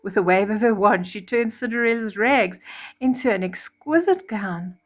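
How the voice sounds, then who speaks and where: Reading a fairy tale for children, this storyteller speaks at normal speed in a mid-range voice. Her expressive reading is lively, broken up by chatty asides and reactions she acts out.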